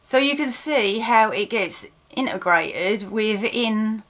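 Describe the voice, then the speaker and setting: A woman with an East Anglian accent from Suffolk speaks in a fairly high voice. She talks straight to viewers in a chatty, informal teaching style, illustrating her points with everyday phrases. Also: animated, slow pace, a bit bright. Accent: Suffolk, East Anglian English. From Suffolk, England. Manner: chatty, explains with everyday examples. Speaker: host of a dialect video series.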